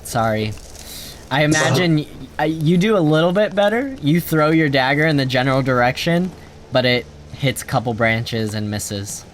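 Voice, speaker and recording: A man running a tabletop game as dungeon master, relaxed and casual, laughing often and filling his scene descriptions with ums. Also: a little high, normal speed, background noise.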